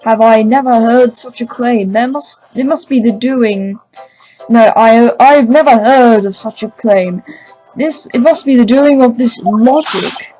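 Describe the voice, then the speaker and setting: A woman's voice: fairly high pitch, unhurried, warm tone, faint music behind, lightly acted, poor audio. A woman voicing a pompous, posh older man who speaks in a plummy, stiff, formal way.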